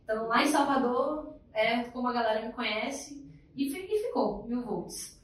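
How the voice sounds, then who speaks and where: A woman's voice: on the high side, expressive, moderate pace, distant mic. A young woman from Bahia, a guest telling stories in a chatty, upbeat way. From Bahia, Brazil. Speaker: guest, emergency doctor. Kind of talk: casual podcast chat. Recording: roomy echo, off-mic.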